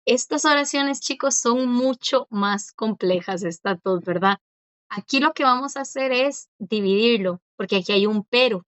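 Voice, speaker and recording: Teacher, female, patient, keeps checking in with the class; slightly high voice, dry dull lo-fi recording. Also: moderate pace, fairly bright tone, no room sound. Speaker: language teacher. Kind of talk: live class explanation.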